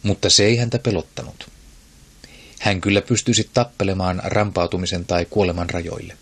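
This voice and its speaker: Man, audiobook narrator, deep voice, husky, steady even reading. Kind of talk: scripted narration.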